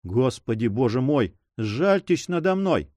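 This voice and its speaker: A man's voice: medium pitch, big pitch swings, unhurried, darkish tone, dry recording. A man voicing a desperate tortured prisoner. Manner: desperate, alternately whispering and crying out. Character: terrified, tortured male prisoner.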